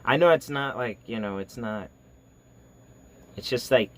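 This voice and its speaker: A man hosting a reaction video, talking casually in a rambling, halting way full of fillers. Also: medium pitch, lively intonation, a bit bright. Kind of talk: casual chat.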